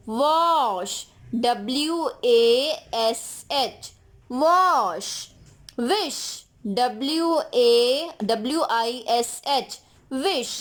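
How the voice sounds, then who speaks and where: A woman teacher giving a patient phonics lesson to young children, drawing out each letter sound. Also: on the high side.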